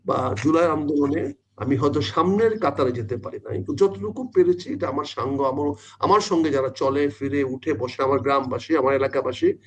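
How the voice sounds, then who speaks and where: A man's voice: fairly high pitch, a little hiss or hum. An older man, a talk show guest, speaks insistently and repeats his points for emphasis. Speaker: political guest.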